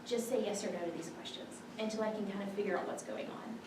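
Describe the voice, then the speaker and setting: Heard from a distance in an echoey, noisy room, a woman with a mid-range, steady voice speaks fast. She's a physician assistant teaching class casually, rambling with filler words and many "like"s.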